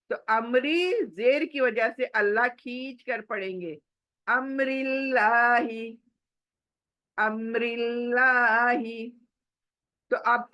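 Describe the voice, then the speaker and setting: A woman with a bright, fairly high voice gives a patient recitation lesson, drawing out each example word slowly and repeating it. The audio is slightly dull and lo-fi. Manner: patient and explanatory, repeating words slowly for practice. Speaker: Quran recitation teacher.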